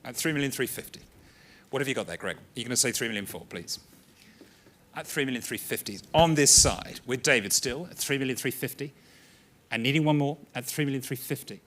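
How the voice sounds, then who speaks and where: A man working as an auctioneer, calling out bids in a brisk, rhythmic patter during a live sale in an auction room. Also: medium pitch, a bit bright.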